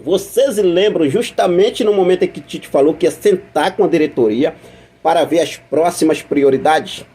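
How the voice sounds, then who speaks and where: A man's voice: a little high, mellow, husky. A man with a Brazilian accent hosting a football news channel, talking through club news in a chatty way, repeating points and asking viewers questions. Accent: Brazilian Portuguese. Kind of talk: casual news commentary to camera.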